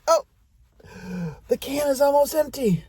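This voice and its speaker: A woman's voice: high voice, measured pace, warm tone. Chatty middle-aged woman telling a story. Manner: chatty, rambling, talks to the audience. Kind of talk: casual personal storytelling.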